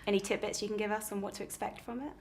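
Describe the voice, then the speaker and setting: A woman's voice: medium pitch, steady tone, very fast, darkish tone, a little hiss or hum. A woman interviewer chatting with film cast, talking in a chatty, playful way. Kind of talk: casual film junket interview and presenter piece.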